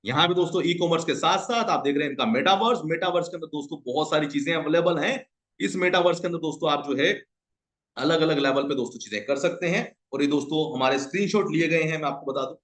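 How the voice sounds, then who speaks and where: A man giving a hyped, salesy screen-share pitch for an online business, constantly calling out to his viewers as friends. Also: fairly bright tone.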